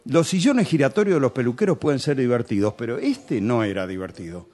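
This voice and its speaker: A man's voice: mid-range voice, lively intonation, a little fast, darkish tone. A man with a Rioplatense Spanish accent telling nostalgic, chatty stories on a radio show. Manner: nostalgic, chatty storytelling with local slang.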